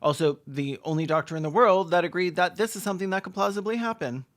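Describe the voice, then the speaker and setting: A male film reaction video host delivers sarcastic, snarky comedic commentary on a movie with dramatic emphasis. He speaks fast in a high voice.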